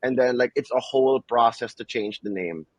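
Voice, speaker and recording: A man's voice: medium pitch, normal speed, dry recording, rough recording. A young man from the Philippines hosting a casual podcast chat, laid-back and peppering his talk with "bro" and "you know what I mean". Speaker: podcast host.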